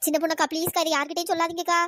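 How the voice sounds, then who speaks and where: A woman voicing a chatty, loyal young village woman in a cartoon, talking in fast coaxing, pleading bursts. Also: very high-pitched, level tone, a bit bright. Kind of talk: cartoon voice acting.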